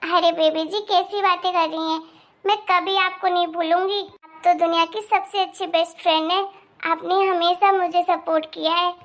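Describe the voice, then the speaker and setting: A woman voicing a timid young girl, a maid's daughter, in an animated cartoon, speaking softly and pleading. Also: very high-pitched, normal speed. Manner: timid, soft-spoken, pleading.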